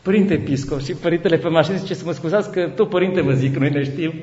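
Animated preaching bishop in an echoing hall. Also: male voice. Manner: animated, rises high when excited, with restarts. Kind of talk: sermon with storytelling. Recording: dull echoey hall recording.

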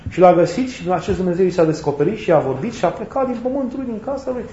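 A man preaching a sermon in a reflective way, often repeating and rephrasing his points, with touches of gentle humor. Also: sits high, lively intonation, slight background noise. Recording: roomy, slightly dull recording with faint ambience.

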